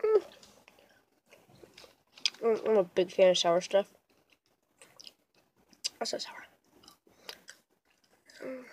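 A woman's voice: medium pitch, sing-song, drawn-out words, long pauses, warm tone, a little hiss or hum. A young female vlogger chatting casually with her viewers while chewing candy. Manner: chatty, rambling. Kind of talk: casual vlog chat.

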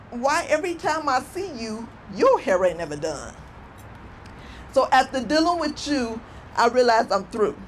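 A woman's voice: high-pitched, slight background noise, low-quality recording. A middle-aged woman from Chicago performing spoken word poetry with a sassy, rhythmic, scolding delivery at a stand mic on a city rooftop.

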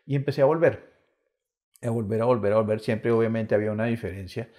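A man's voice: on the low side, fast talker, mellow. A middle-aged man with a Colombian Spanish accent chatting casually as a comedian guest on a podcast, with frequent restarts. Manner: chatty, stammering restarts, laughs often.

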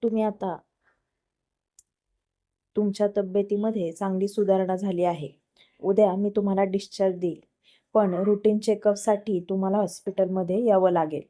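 A woman's voice: medium pitch, flat delivery, moderate pace, pauses often, dark tone, natural voice. A woman reading the lines of a polite, matter-of-fact male doctor in a storybook tale. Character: polite hospital doctor, man.

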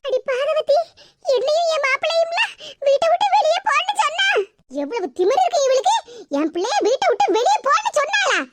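A woman's voice: extremely high pitch, sing-song, brisk, very noisy. A woman voicing a bossy older aunt and mother-in-law in a cartoon, scolding and domineering, with a Tirunelveli Tamil accent.

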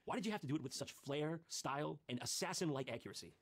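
A man's voice: a little high, quick pace, slight background noise. A man in his thirties giving sarcastic comedic commentary on video clips, with mocking asides. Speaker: host reacting to video clips. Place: studio room with couch and brick wall.

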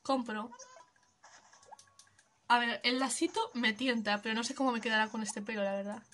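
A woman's voice: fairly high pitch, steady tone, moderate pace, a bit bright, slight background noise. A young woman, giving casual gameplay commentary, chatty and giggly, thinking aloud. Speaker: gaming video creator.

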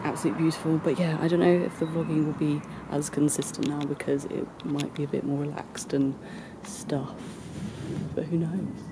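A young woman chatting casually to a handheld camera for a vlog, low-key and hungover. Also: flat delivery, a little fast, noisy background. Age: young adult. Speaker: vlogger. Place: outdoors in a garden and inside a house. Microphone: handheld camera at arm's length.

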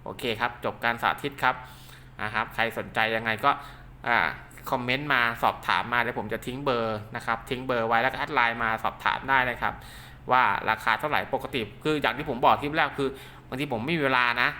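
A man gives an informal, hands-on demonstration of equipment. His voice is bright and forward, and he talks quickly, circling back over points with frequent polite tags. Some noise sits behind the voice. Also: mid-range voice, fairly even intonation. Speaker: product demonstrator and maker of radio link cables. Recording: clear background noise.

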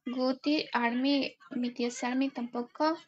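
Una mujer joven que transmite en directo un juego, charlando de forma juguetona y leyendo en voz alta los nombres de su chat. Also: female voice, sits high, fairly even intonation, measured pace, highs cut off, slight background noise. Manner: chatty, playful, greets viewers and reads chat names aloud. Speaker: gaming live streamer. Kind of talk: casual live stream chat.

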